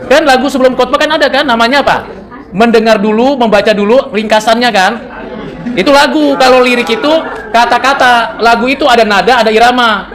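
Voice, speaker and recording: A crowd can be heard behind a man with a very high voice who talks fairly quickly. He's a North Sumatran, Indonesian lecturer running a conversational seminary class, questioning students and mixing in English words.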